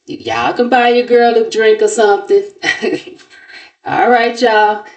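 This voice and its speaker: Sassy and mocking, an American commentary channel host narrates a laid-back gossip recap in colloquial language. She speaks slowly in a mid-range voice with lively intonation.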